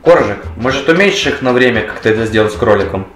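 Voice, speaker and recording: A man's voice: medium pitch, animated, fast talker, fairly bright tone. A young adult man speaking scripted comic dialogue. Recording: music under the voice.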